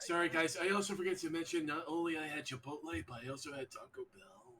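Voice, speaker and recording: A man's voice: fairly high pitch, steady tone, fast talker, very noisy. A man joking around on a live stream, impatient to get on with it. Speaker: voice cast member.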